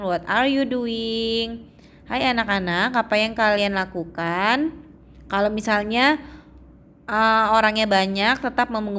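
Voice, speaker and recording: A young adult woman teaching English to children, drawing out example phrases slowly and checking in often. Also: medium pitch, a bit bright. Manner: slow, drawn-out reading of English phrases, frequent "ya" checks. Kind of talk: explaining English lesson to children.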